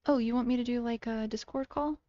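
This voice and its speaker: A woman's voice: a little high, fairly even intonation, a little fast, dark tone, muffled recording. A tired, sleepy-sounding woman hosting a casual voice call, hesitant and full of ums and restarts. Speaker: video creator hosting a call.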